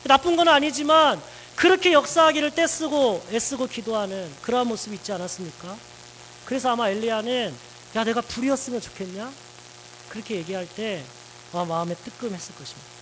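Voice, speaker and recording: Male pastor, high voice, earnest sermon, faint background noise. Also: brisk, a bit bright, low-quality recording. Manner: earnest, asks the congregation questions.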